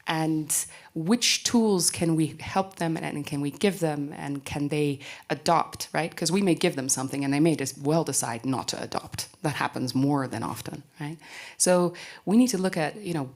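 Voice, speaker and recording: On a panel, a company founder who grew up in Tanzania speaks in a deep, darkish voice. She's earnest and conversational, often tossing in "right?"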